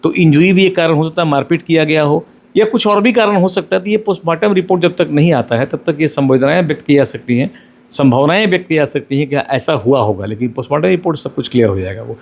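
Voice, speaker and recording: A middle-aged male lawyer answering interview questions, explaining step by step in a measured way and mixing in English legal terms. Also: on the high side, gravelly.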